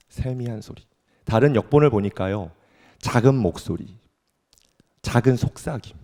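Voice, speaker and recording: A male pastor preaching a sermon, reading scripture slowly and swinging from loud emphatic declarations to soft, quiet asides. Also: medium pitch. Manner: reads scripture slowly and deliberately. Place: church sanctuary. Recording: long hall reverb from a church sanctuary.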